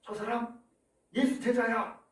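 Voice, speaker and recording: A man's voice: very high voice, flat delivery, slow, pitched above the performer's own voice. A man voicing a young servant girl who points out and accuses someone in the crowd. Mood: accusing. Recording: echoey room from a distance.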